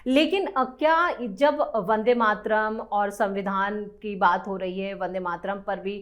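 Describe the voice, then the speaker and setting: A woman's voice: mid-range voice, unhurried. A woman news anchor on a TV panel, formally framing a question for her guest.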